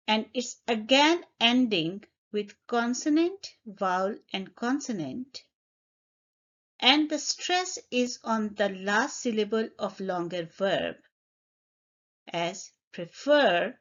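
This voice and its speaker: Very slow-paced woman teaching grammar. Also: on the high side, fairly bright tone. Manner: spells out letters and repeats examples. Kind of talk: slow, deliberate grammar lesson. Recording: slightly dull lo-fi recording.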